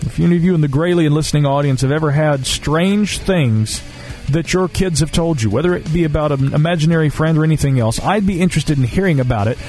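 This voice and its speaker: A man's voice: fairly high pitch, quick pace, hardly any pauses, a little mellow, soft background music. A man with a Southern American accent hosting a podcast, reading listener stories aloud with wry asides. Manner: wry, conversational, reads quotes then comments. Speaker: podcast host.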